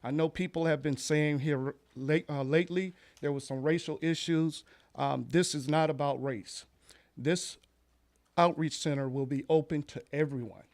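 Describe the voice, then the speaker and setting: A man in his role as pastor makes his case at a town council meeting. He speaks earnestly, circling back to the same points with the odd filler. His voice sits a bit high for a man. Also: steady tone, normal speed, darkish tone. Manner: earnest, repeats phrases, some fillers. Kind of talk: public comment at council meeting.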